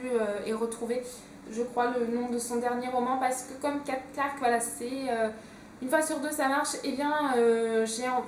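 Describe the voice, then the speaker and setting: Chatty young woman with a high voice. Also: recorded from a distance, a little hiss or hum. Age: young adult. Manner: chatty, hesitant with many fillers. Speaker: book vlogger. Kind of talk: casual chat. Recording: echoey room, a bit off-mic.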